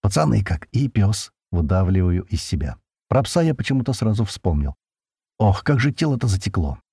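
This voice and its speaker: A man's voice: lowish voice, very animated, normal speed, dark tone, husky, no room sound, studio quality. A man narrating a first-person audiobook in a colloquial, slangy way.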